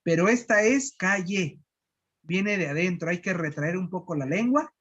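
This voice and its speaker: Un profesor de Guatemala que enseña pronunciación con calma, repitiendo sílabas despacio. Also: mid-range voice, husky, lo-fi sound. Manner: patient, repeats syllables slowly. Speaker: language teacher. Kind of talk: slow pronunciation lesson.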